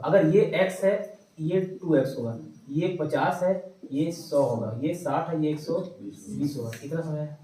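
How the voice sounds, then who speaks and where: गूंजते कमरे में दूर से पढ़ाता आदमी. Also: male voice, a little high, mellow. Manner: slow repeated dictation, mixing Hindi with English terms. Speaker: maths teacher. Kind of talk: classroom lecture, dictating notes. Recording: echoey room, voice from a distance.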